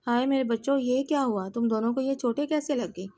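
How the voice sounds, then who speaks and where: A woman's voice: a little high, fairly even intonation, warm tone, natural voice. A woman reading an audio novel and voicing a worried, strict middle-aged mother who fusses and gives orders. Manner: fussing, firm.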